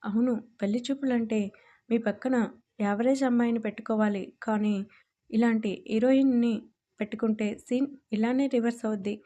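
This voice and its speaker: A woman's voice: a little high, fairly even intonation, brisk, dark tone, highs cut off, lightly acted. A woman voicing a blunt, irritated young man who scolds sharply in a storybook reading. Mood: annoyed.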